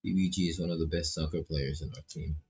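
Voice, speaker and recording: Talking quickly in a very deep, steady voice that is darkish and breathy, a Filipino-accented man streams a visual novel, reading lines aloud and joking around. The high frequencies are cut off, and music sits behind his voice.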